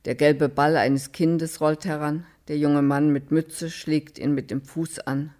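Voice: mid-range voice, little pitch movement, measured pace, darkish tone. A narrator reading a scripted audio description in a matter-of-fact way.

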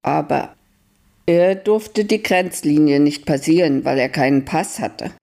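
Woman reading a fairy tale, low voice, takes her time. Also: vocal fry. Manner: calm, unhurried reading. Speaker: narrator. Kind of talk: storytelling read aloud.

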